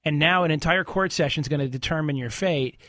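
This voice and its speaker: A man's voice: fairly high pitch, fast talker, a bit bright, dry recording, studio quality. A man hosting a call-in radio show, casually explaining legal points to a caller. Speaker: radio show host, lawyer. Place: radio studio.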